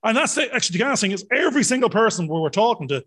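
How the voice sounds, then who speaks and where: A man with a fairly high voice talks casually in the role of a mentor. He coaches by voicing imagined exchanges and direct questions. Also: big pitch swings, racing, fairly bright tone. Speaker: mentor and interviewer with accountancy background. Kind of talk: casual chat.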